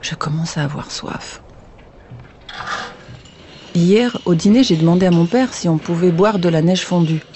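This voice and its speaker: Mellow confiding storybook reader. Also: mid-range voice, a little slow, pauses often, a little hiss or hum. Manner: first-person child's voice, confiding asides to the listener. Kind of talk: scripted narration of a children's bedtime story.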